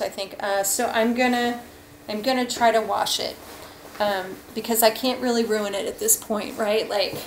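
This woman, a hiking vlogger in her thirties, rambles through a relaxed, candid gear review full of fillers, recorded by webcam at her desk in her home kitchen. Her voice sits at medium pitch, and the recording carries a little hiss or hum, some echo, and faint ambience.

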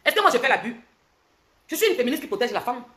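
A woman's voice: fairly high pitch, very animated, a bit bright. A woman, ranting angrily in a confrontational social media livestream and firing off accusing questions. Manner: angry, confrontational, rapid-fire questions. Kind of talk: heated livestream rant.

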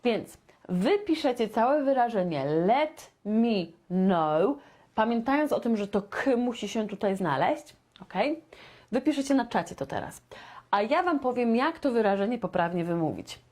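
A young woman teaching English in a live online lesson, lively and chatty, often turning to her viewers and acting out everyday dialogues. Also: fairly high pitch, measured pace.

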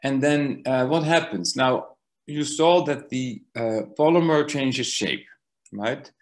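A man giving an academic science lecture, talking slowly through slides with many fillers and restarts. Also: medium pitch.

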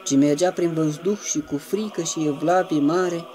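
A man giving a reverent, measured devotional reading that slips into chanted intoning at times. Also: a little high, fairly even intonation, music in the background. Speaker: reader of a saint's life.

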